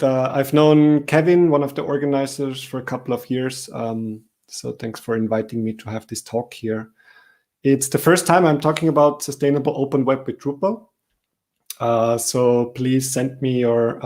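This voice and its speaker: Austrian guy presenting online, lots of ums, video call mic. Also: mid-range voice. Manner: relaxed, frequent ums and uhs. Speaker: conference speaker. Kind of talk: online meetup talk.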